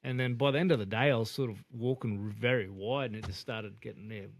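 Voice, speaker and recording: A man's voice: medium pitch, fairly even intonation, fast, no echo. An Australian man telling a story on a podcast in a laid-back, self-mocking way, swearing often. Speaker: podcast co-host. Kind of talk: casual storytelling chat.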